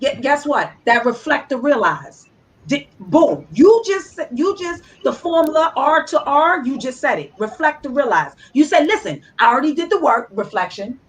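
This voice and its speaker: A woman's voice: sits high, sing-song, normal speed, poor audio. A woman guest speaker giving a fervent, preacher-like motivational talk full of rhetorical questions, over a video call.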